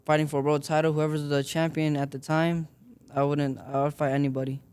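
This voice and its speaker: A man's voice: on the high side, level tone, brisk, heavy background noise. A young man from Las Vegas, giving modest, filler-laden answers as a boxer in an interview. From Las Vegas, Nevada. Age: young adult. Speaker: boxer guest.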